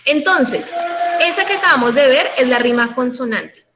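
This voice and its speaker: Lady teacher on a video call, kinda high voice, sweet and patient, keeps asking "ok?", faint room hum. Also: lively intonation. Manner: affectionate, keeps checking with "¿listo?"; spells out word endings slowly. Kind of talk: online class lecture.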